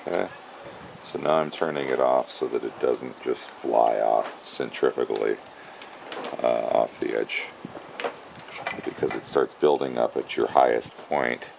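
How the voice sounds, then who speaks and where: A man teaching woodturning step by step, talking it through haltingly as he works at a lathe in a windy workshop. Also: extremely low pitch, vocal fry. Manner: halting, thinking aloud while working. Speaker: woodturning instructor. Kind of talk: casual step-by-step demonstration. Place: workshop with lathe, wind outdoors.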